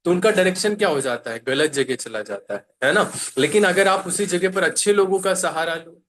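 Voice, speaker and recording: A man's voice: high voice, expressive, brisk, fairly bright tone, a little hiss or hum. A man telling a moral story in a casual, conversational way, often adding "है ना" and acting out the characters' lines before giving life advice. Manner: casual, repeats "है ना" often, acts out quotes. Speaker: motivational speaker. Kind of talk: storytelling and motivational talk.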